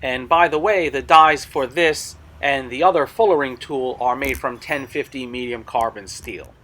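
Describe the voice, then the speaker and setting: A man's voice: mid-range voice, normal speed, pushed and bright. A man narrating a product showcase as a video host, explaining details in a matter-of-fact way. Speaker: blacksmith video host selling tools.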